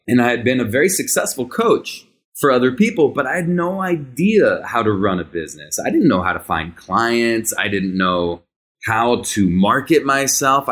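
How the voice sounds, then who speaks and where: Hosting his podcast, a man in his thirties whose first language is Hebrew shares a personal story in a frank, chatty way. He has a mid-range, fairly bright voice, and his pacing swings from hurried to stretched out.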